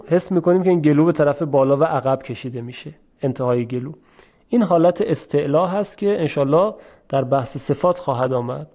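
A man teaching how to pronounce Arabic letters for Quran recitation, explaining slowly and repeating drill sounds. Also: on the high side, mellow. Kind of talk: explanatory lesson on letter pronunciation.

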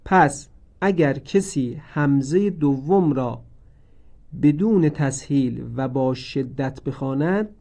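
A man's voice: mid-range voice, warm tone. A man teaching the rules of Quran recitation in a recorded lesson, explaining each rule step by step and repeating every example so listeners can practise.

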